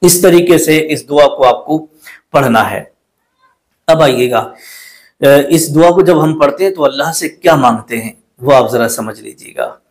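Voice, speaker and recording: A man teaching a religious lesson in polite, patient with a lilt. He corrects common mistakes and repeats words carefully. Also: a little high. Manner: recites the Arabic prayer slowly in a melodic chant. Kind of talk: religious instruction to camera.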